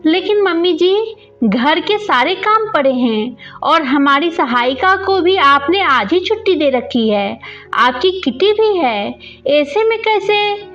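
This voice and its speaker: A woman's voice: extremely high pitch, expressive, slow pace, fairly bright tone, exaggerated voice. A woman reading the part of a shy, dutiful young bride who speaks politely and hesitantly. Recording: dull lo-fi audio with faint music.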